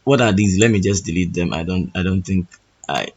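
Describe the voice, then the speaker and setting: Hoarse, husky man, lowish register, thinking-aloud tutorial delivery full of restarts, dull lo-fi recording. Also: expressive. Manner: halting, restarts phrases often. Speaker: trading educator. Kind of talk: thinking-aloud chart walkthrough.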